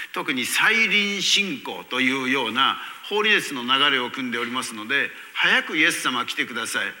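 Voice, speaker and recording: Bright-voiced man preaching in a reverberant hall. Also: medium pitch. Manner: emphatic preaching with sudden loud rises and quiet drops. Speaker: pastor. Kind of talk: sermon. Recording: long church reverb.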